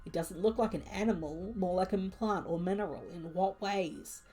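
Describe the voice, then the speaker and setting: A woman's voice: on the low side, normal speed, mellow, faint music behind. A young woman streaming a solo tabletop game, reading prompt lists aloud and musing at length with many fillers.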